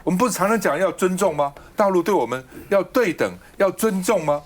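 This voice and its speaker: Here a man with a high, animated voice and a fairly quick pace hosts a political talk show. Into the studio microphone he presses his arguments through a steady barrage of rhetorical questions, clearly in a combative mood.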